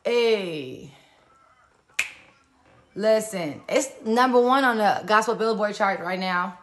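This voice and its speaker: A woman's voice: mid-range voice, takes it slowly, fairly bright tone, a little hiss or hum. A woman hosting a live-stream morning encouragement, colloquial and preacherly as she greets viewers by where they are.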